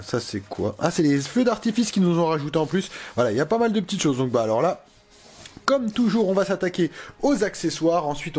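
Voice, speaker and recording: A man's voice: on the high side, a little mellow. A man with a French accent chatting casually through an unboxing review of a collectible figure, enthusiastic and slangy, joking at himself.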